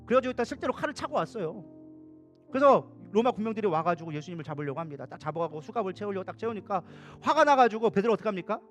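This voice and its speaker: A man's voice: high-pitched, big pitch swings, rapid-fire, a bit bright, faint music behind. A man preaching a sermon as pastor, telling the story in casual everyday speech and acting out the quoted lines. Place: church sanctuary.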